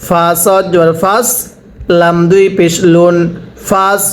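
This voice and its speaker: A man teaching a recorded Quran reading lesson, spelling out syllables slowly and patiently and asking the listener to repeat after him. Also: high-pitched, little pitch movement, a little hiss or hum. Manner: slow, drawn-out syllables for the learner to repeat; patient step-by-step instruction.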